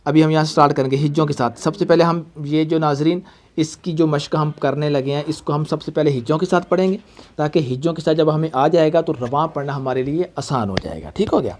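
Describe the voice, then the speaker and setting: A man with a Pakistani Urdu accent teaching a Quran reading lesson, patiently spelling out sounds slowly and often checking that the student follows. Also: on the high side, darkish tone. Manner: patient, repeats checks like "okay?", slow drawn-out spelling for the child to echo. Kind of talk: recorded online reading lesson.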